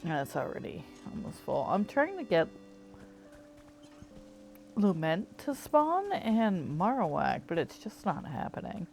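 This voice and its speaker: Low, gravelly woman relaxing through gameplay. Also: big pitch swings, unhurried. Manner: soft, easygoing, thinking aloud. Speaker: gaming streamer. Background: faint game music.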